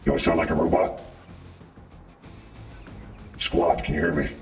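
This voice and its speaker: A very deep, mechanical robot voice, a man's own speech run through a voice mod. It comes across roomy and distant, as if heard through game chat. Faint music runs underneath. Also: level tone, measured pace, a little mellow. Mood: teasing. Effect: robot voice changer.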